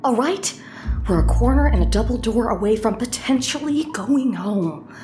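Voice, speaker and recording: A woman playing a brash, quick-thinking schemer who bosses her partner around in an audio drama. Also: on the high side, a little hiss or hum, close to an everyday voice. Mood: excitable. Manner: brash, bossy, with bursts of nervous excitement.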